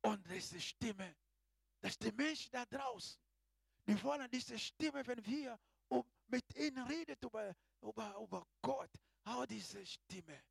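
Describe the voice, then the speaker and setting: A man preaching a sermon in a halting way, swinging between hushed asides and loud exclamations. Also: extremely high pitch, lively intonation, vocal fry, breathy edge, no echo, clean studio sound.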